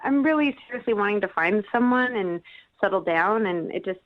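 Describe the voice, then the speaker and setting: A woman's voice: medium pitch, animated. Hesitant woman on a tinny phone line. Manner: hesitant, halting. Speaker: caller on a radio call. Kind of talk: phone conversation.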